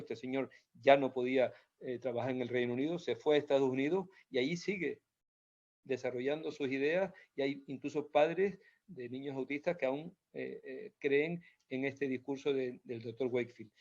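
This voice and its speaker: A man's voice: medium pitch, a little mellow. A man, a doctor, giving an informal health talk with slides, explaining patiently and repeating points with many hesitations. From Spain. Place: Canary Islands. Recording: dull lo-fi sound.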